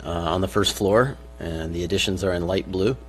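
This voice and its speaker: With a low-pitched voice at normal speed, a city planning staffer works through technical points in a formal, orderly way. The setting is a public meeting room, and faint hiss and hum run under the audio.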